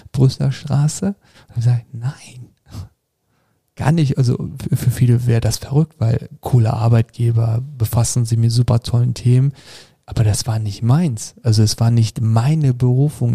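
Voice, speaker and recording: A life coach explains how he works in a relaxed interview, often restarting sentences and using fillers. He has a mid-range, warm voice with vocal fry.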